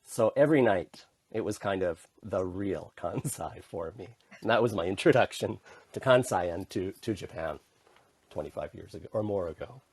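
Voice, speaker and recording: In a laid-back conversational podcast interview, a middle-aged Canadian-accented intercultural communication consultant tells his own story with frequent restarts. He sounds animated at a moderate pace, his low voice a little mellow and husky, captured in a dry recording.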